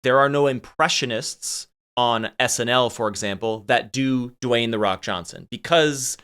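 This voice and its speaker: A man's voice: medium pitch, measured pace, a bit bright, clean tone. Host guy asking long curious questions, casual chat. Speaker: podcast host.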